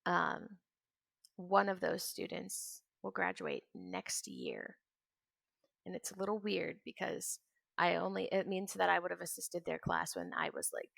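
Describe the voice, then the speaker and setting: While streaming a game, a woman in her twenties chats casually, rambling and sometimes trailing off into mutters to herself. She has a lowish voice with vocal fry and a fairly bright tone, in studio-quality audio with no room sound.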